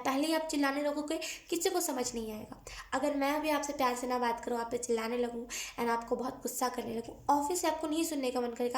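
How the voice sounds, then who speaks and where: A woman giving a collective tarot reading to her viewers, earnest and coaxing, repeating her advice as she speaks directly to them. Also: sits high. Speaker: tarot card reader. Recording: echoey room.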